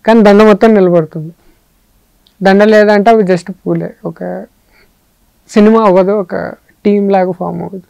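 A film editor with a Telugu accent speaks in a mid-pitched voice with noticeable vocal fry. He answers thoughtfully and builds his points through comparisons. The sound is close and dry, with no room echo. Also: fairly even intonation, unhurried, long pauses, a little mellow. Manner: thoughtful, explains with metaphors, mixes in English phrases. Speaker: film editor, interview guest. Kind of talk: relaxed interview answers.

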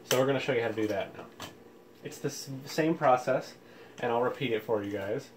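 Indoors in a room full of audio equipment, a tutorial host walks through a casual how-to demonstration, step by step and informally. He is a man with a mid-range voice and a brisk pace. Background room noise comes through clearly.

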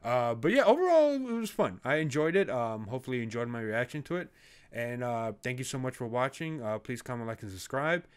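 A man reacting to an anime opening in casual commentary, excitable and swearing a lot, with sudden high-pitched laughs. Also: brisk, clear, resonant tone.

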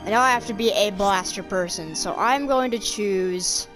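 A woman's voice: mid-range voice, moderate pace. Chatty woman commenting over game music. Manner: chatty, reacting loudly to the game and drinks. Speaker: gamer. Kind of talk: casual gameplay commentary. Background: game music and sound effects.

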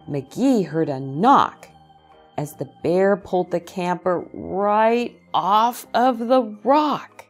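A middle-aged woman with a lowish voice reads a picture book aloud to young children, expressive and dramatic in her phrasing and pauses.

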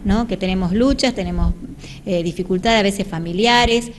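A woman's voice: mid-range voice, normal speed, background noise. A woman in her forties giving an earnest local TV interview in a church hall, speaking into a handheld mic and inviting people in. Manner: earnest, inviting, slips into preaching. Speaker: church volunteer. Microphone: handheld reporter mic.

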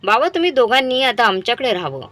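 A man's voice: very high voice, big pitch swings, quick pace, bright, forceful tone, pitched above the performer's own voice, heavily acted. A woman voicing a grown younger son who speaks bluntly to his parents.

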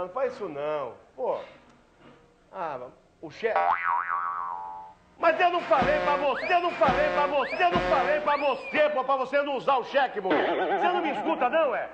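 A man with a very high, swooping voice argues in exasperation on a phone, repeating himself over and over. The hidden-camera audio is dull and muffled. Steady noise sits under it. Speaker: prankster. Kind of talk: hidden-camera prank, fake phone call. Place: restaurant or bar.

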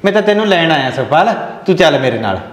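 A middle-aged village farmer pleads earnestly in a fairly high male voice, as an actor plays him. Echo and a long reverb hang on every word. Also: very animated, fast talker. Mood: pleading. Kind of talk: village family drama acting. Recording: echoey room with long reverb.

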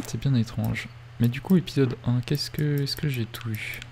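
A man's voice: medium pitch, steady tone, normal speed, vocal fry, mellow, a little hiss or hum. A man doing casual let's play commentary, musing and thinking aloud as he goes.

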